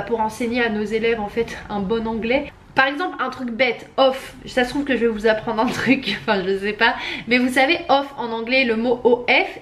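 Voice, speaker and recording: A woman's voice: a little high, a bit bright, slight background noise. A young adult woman, a student vlogger, chatting casually at home, hesitant and full of fillers. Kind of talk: casual chat to camera.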